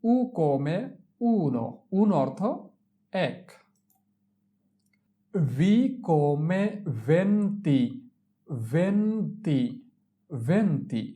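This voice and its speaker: A woman's voice: sits low, animated, drawn-out words, pauses often, warm tone. A woman teaching the Italian alphabet. She spells out each word letter by letter and repeats it three times before she gives its meaning. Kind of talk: slow spelled-out language lesson.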